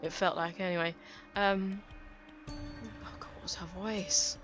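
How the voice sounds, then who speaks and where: A woman's voice: mid-range voice, level tone, measured pace, fairly bright tone. A woman playing a story game and chatting casually in self-deprecating asides. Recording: game music behind.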